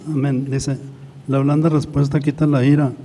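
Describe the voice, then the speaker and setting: Dark-voiced man reading scripture. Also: mid-range voice, flat delivery, moderate pace, long reverb tail, slight background noise. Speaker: congregation member reading scripture.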